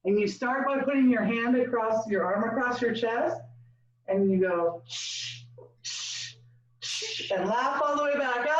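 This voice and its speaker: A woman leading a laughter yoga session, drawing out chants and cues and laughing often between them. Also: fairly high pitch. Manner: slow, drawn-out chanting with frequent laughs. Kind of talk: guided group exercise. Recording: roomy, distant, dull sound.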